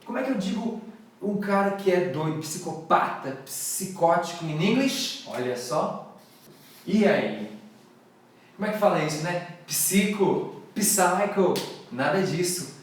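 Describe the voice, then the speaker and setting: A man's voice: high-pitched, expressive, a little slow, recorded from a distance. A Brazilian man teaching English pronunciation live, playfully repeating words for his students to echo. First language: Portuguese.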